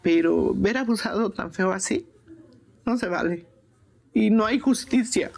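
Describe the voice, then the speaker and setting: A woman's voice: medium pitch, measured pace, creaky, darkish tone. An older woman with a Mexican accent, speaking plainly and insistently in an emotional interview, repeating herself for emphasis. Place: prison.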